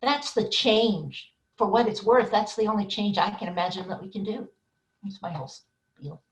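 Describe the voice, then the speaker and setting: A woman's voice: medium pitch, normal speed. Earnest woman panelist, echoey and distant. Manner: earnest, emphatic, thinking aloud. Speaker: panelist, theater maker and teacher. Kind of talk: panel discussion remarks. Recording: roomy, distant mic.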